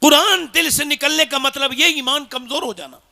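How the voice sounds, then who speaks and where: A man preaching a sermon, swinging from shouted peaks down to low, quiet appeals. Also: normal speed, gravelly. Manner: fiery, rises to shouts then drops low.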